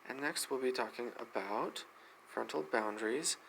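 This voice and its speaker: A man hosting a weather news segment, reading articles aloud quickly with frequent slips and restarts. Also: mid-range voice, gravelly, background noise.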